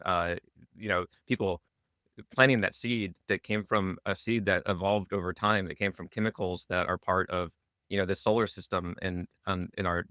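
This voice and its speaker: A man's voice: lowish voice, a bit bright, dry recording, studio quality. A man co-hosting a podcast, talking in a hesitant, rambling way with many fillers and restarts. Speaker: podcast co-host. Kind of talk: casual podcast conversation.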